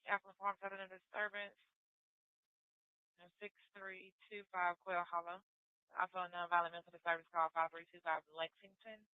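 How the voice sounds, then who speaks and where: A man's voice: sits high, flat delivery, moderate pace, clean tone, no room sound. A male police dispatcher reading out calls over police radio in a clipped, routine manner. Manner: clipped, routine call-out delivery. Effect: police radio transmission. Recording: tinny narrow-band radio audio.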